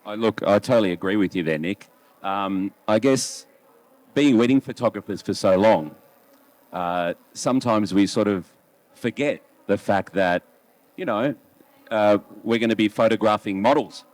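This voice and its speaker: At a trade show booth, an Australian photo critic from Melbourne, a late-forties wedding photographer who also judges competitions, chats away and keeps asking his colleagues rhetorical questions. His lowish, slightly mellow voice comes at a moderate pace, the recording is rough, and there's no room sound.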